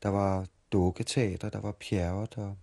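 Halting man in his forties, low voice. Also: level tone, gravelly, warm tone. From Denmark. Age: 40s. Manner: halting, repeats and restarts words while reminiscing. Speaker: street performer interviewee. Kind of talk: storytelling interview.

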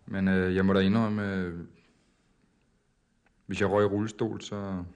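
A man speaking calmly and reflectively in casual conversation, pausing with hesitant fillers. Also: low-pitched, smooth, dull audio. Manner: calm, musing, hesitant with fillers.

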